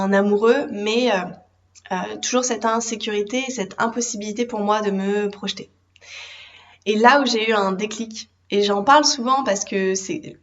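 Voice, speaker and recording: A woman in her thirties with a French accent, a coach for women, speaking gently and reflectively to the camera, with frequent hesitations. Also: medium pitch. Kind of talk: personal confiding talk to camera. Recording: slightly dull lo-fi sound.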